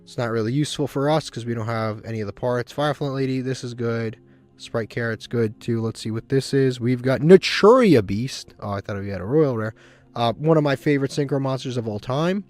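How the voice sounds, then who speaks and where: A man at an ordinary pitch talks through a card game in a flat, monotone way, his voice a little congested from a cold. He rambles, restarts sentences and corrects himself as he goes. Soft music plays quietly behind him. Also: brisk. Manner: monotone, self-described. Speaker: gaming video host. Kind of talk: casual gameplay commentary.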